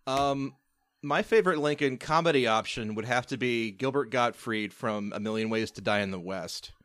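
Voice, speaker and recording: A man's voice: mid-range voice, moderate pace, a bit bright, dry recording. A man on a casual film podcast, retelling scenes in a rambling way that often restarts.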